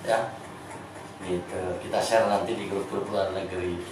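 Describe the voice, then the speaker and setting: A man's voice: low-pitched, fairly even intonation. Sundanese-accented man teaching in echoey room. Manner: repeats words, halting, chatty. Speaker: informal English teacher. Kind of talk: casual classroom teaching. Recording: echoey room, distant mic, faint noise.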